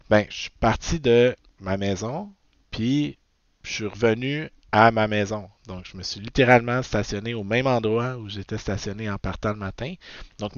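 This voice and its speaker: A man with a Québécois French accent gives a physics lecture in a low voice. He keeps checking in with "ok?" and corrects himself mid-sentence. The recording is dry and dull, with a lo-fi edge. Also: no echo. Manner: frequent "ok?" checks, self-corrections. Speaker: physics teacher.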